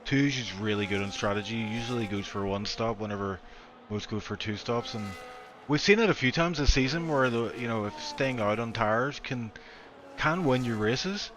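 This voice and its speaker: A man's voice: medium pitch, moderate pace, a bit bright. A man hosting a league sim race stream, chatting casually, asking his co-commentator questions and reading out viewer comments.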